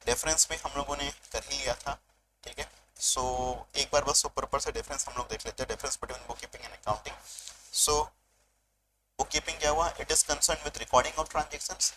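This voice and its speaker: A man's voice: medium pitch, unhurried. Guy teaching accounts, keeps asking the class stuff then answers it, hindi english mix, noisy background. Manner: asks students questions and answers them himself; switches between Hindi and English mid-sentence. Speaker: commerce teacher. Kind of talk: online exam revision lecture.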